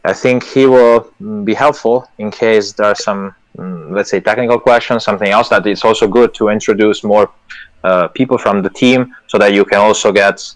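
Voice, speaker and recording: The audio is poor, but the man's voice comes through on the low side, fairly even in intonation and at normal speed. A guest on a live audio chat, this Italian-native project lead stumbles through fillers and restarts, earnest and self-deprecating, laughing lightly.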